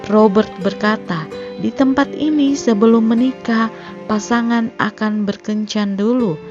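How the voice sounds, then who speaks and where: A woman reads a scripted narration recapping a film's plot, with background music underneath. Her voice is mid-range and the audio sounds dull.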